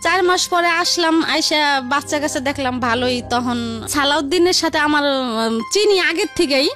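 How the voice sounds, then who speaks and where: With faint music in the background, a woman tells her life story as an interview guest, rambling and repeating herself in the colloquial Bengali of the Dhaka region of Bangladesh. Her voice is high-pitched and a bit bright, at a normal speed.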